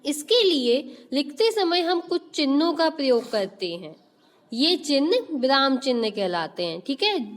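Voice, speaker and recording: A woman's voice: high voice, in a large hall. A woman teacher, teaching an online class and quizzing children with repeated questions as she explains. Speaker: school teacher.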